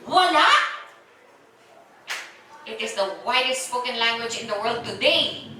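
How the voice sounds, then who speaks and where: A woman's voice: fairly high pitch, expressive, measured pace, sharp tone, slight background noise. A woman in her forties with a Filipino accent, giving a live product presentation to an audience in a chatty, teasing way and keeping them answering her questions. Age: 40s. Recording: echoey hall, voice from far off, faint ambience.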